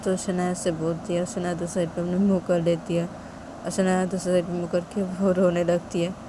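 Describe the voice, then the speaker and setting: A woman narrating a romance story in a low, plain voice, repeating the characters' names often. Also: flat delivery, normal speed, noisy background. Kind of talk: casual spoken story narration.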